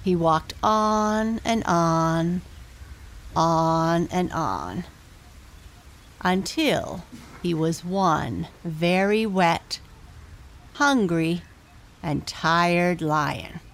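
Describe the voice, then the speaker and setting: A woman tells a bedtime story in a gentle, low voice. She takes her time over every phrase and leaves long pauses between them, so the telling feels very slow.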